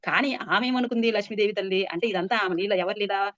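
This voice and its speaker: A woman telling a devotional story in an unhurried, chatty way, explaining as she goes with many filler sounds. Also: mid-range voice, a bit bright, no room sound. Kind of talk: conversational religious storytelling. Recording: dull, dry sound.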